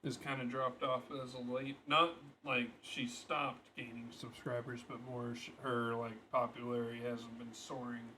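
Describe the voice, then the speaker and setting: A young man co-hosting a casual podcast, talking at a middling pitch. He muses loosely and leans on fillers. A faint hum of room noise sits under his voice. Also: unhurried, hardly any pauses, low-quality recording. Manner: relaxed, filler-heavy musing. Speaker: podcast co-host. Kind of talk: casual chat.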